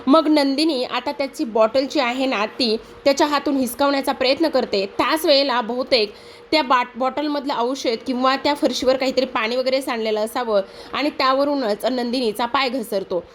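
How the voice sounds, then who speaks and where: A woman's voice: high-pitched, a little hiss or hum. Woman narrating a serial recap. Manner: brisk retelling with frequent hesitation sounds. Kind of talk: storytelling episode recap.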